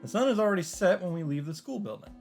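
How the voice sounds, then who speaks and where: Speaking fast with lively intonation, this man has a high, slightly mellow voice. He's narrating a visual novel and tossing in offhand let's-play commentary, with the game's music playing behind him.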